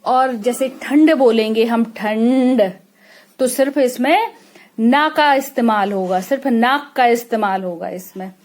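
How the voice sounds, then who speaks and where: Slow-speaking Indian woman teacher. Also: a little high. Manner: slow and drawn out, checking in with frequent "okay?"; stretches out sample words for children to repeat. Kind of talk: classroom lesson explanation.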